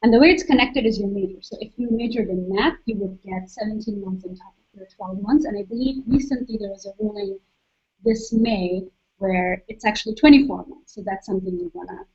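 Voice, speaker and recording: Soft-spoken young woman, husky, lo-fi webcast. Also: mid-range voice, brisk. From Saudi Arabia. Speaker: guest speaker. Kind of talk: webcast talk. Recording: dull lo-fi webcast audio.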